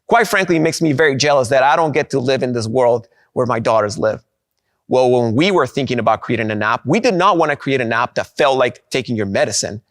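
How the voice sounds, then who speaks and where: A man delivers a conference keynote in a mid-range voice. He is upbeat and slows down to land his key points. The sound is dry and close, with no room echo. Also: mid-range voice. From Guatemala. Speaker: presenter of a product.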